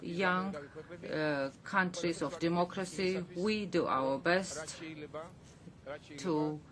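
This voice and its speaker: In an assembly chamber with crowd noise, an interpreter voices a formal speech into English, hesitant and full of fillers and restarts. The voice is medium in pitch and extremely slow.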